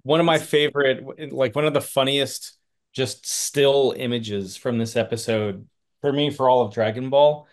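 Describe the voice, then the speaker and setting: A man co-hosting an anime rewatch show, musing in a relaxed way and hedging his points. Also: medium pitch, moderate pace. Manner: relaxed, musing, trails off with hedges. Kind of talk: casual reaction chat.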